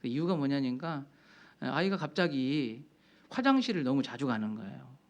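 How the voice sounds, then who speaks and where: A man's voice: medium pitch, big pitch swings, normal speed, lo-fi sound. A male pastor preaching a sermon, telling a counseling story in a conversational way and often stopping to affirm his own point.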